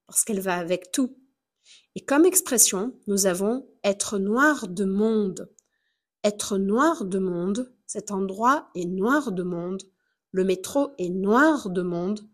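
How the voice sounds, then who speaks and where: A woman hosts a language-learning podcast as a teacher. She talks at a gentle, unhurried pace in a mid-range voice. She repeats key words carefully so listeners can say them back. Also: mid-range voice. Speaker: French teacher and podcast host.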